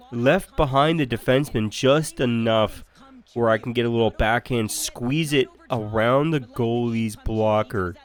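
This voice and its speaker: A young man from Canada giving casual gameplay commentary as a YouTuber, chatty and drifting off on rambling tangents. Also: medium pitch. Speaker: gaming YouTuber.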